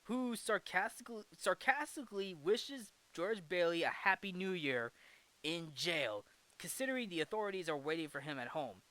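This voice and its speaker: A man's voice: high voice, lively intonation, normal speed, pushed and bright. A man giving a casual, enthusiastic recap of a film, laughing easily between restarts. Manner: enthusiastic, giggly, with frequent restarts. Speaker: film review vlogger.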